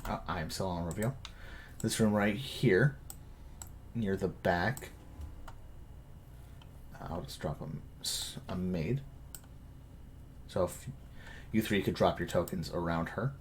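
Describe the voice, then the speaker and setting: A man narrating as game master of a tabletop game, halting and full of fillers. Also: low-pitched, slight background noise.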